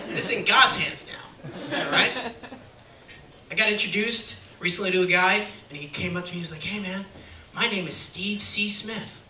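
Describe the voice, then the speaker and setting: A man doing a stand-up comedy set on a music hall stage, with a brash, punchy delivery and frequent check-ins with the crowd. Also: high voice. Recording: echoey venue, distant, loud crowd noise.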